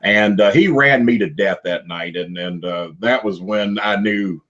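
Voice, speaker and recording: A man from Kentucky tells stories with animated energy. His voice leaps high as he gets worked up. The recording sounds dull and lo-fi. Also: measured pace. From Kentucky, USA. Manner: animated storyteller, voice jumps high when excited. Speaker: wrestling manager guest. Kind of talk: storytelling interview.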